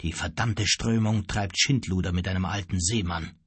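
Man doing a gruff old sea captain, worried, husky, muttery. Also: deep voice, steady tone, normal speed, no room sound, voice pushed down. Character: worried, gruff older male ship captain.

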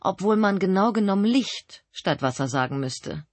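A woman voicing a suave male cult leader who speaks in a measured, condescending way, for an audiobook. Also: mid-range voice, expressive, no room sound, voice pushed up, lightly acted. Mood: pleased.

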